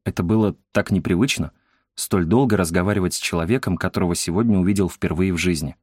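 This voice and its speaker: A man reading an audiobook in calm, even scripted narration. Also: sits low, quick pace, husky, dry recording, studio quality.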